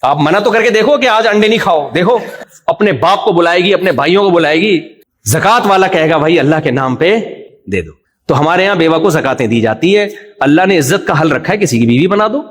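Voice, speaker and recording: A man's voice: high-pitched, expressive. Jovial man preaching to a laughing crowd. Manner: jovial, teasing asides and mock-voiced examples. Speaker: Islamic preacher. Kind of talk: Urdu religious lecture. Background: audience laughter.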